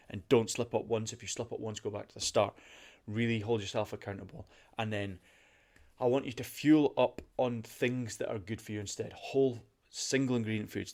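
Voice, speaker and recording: A man's voice: fairly low pitch, a little mellow. A young man hosting a solo motivational podcast. He talks with passion, gets worked up and repeats his points for emphasis. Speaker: podcast host.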